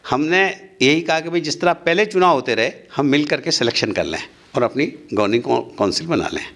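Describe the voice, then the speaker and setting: A man's voice: medium pitch, fairly bright tone. Older guy, earnest and insistent, defending himself in an interview. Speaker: interviewee, university society official. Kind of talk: interview answers.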